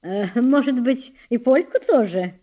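A woman's voice: on the high side, expressive, a little slow, mellow. A woman voicing a haughty, contemptuous young lady who speaks in a teasing, disdainful manner. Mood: mocking.

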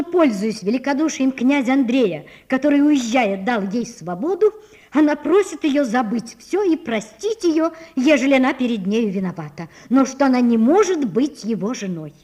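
A woman reading a classic novel aloud as narrator, in a measured, expressive storytelling manner. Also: high-pitched.

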